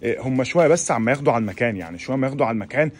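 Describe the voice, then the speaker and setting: A young man with an Egyptian Arabic accent, talking to his viewers in a chatty, excitable vlog while outdoors on a rooftop. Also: medium pitch, rapid-fire, breathy edge. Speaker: vlogger. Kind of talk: casual vlog narration to viewers.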